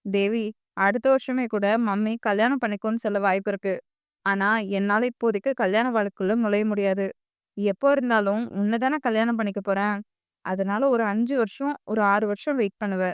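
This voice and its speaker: A woman voicing a firm young man who scolds and then calmly reassures his girlfriend in an audiobook. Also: mid-range voice, brisk, clean tone, no room sound, clean studio sound, lightly acted. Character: stern young man, impatient then soothing lover. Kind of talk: audiobook character voice.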